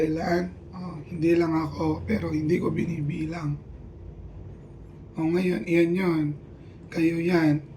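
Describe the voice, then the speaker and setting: A man's voice: on the high side, warm tone, slight background noise. A man talking in a loose, meandering monologue, switching between Tagalog and English. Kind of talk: rambling casual monologue.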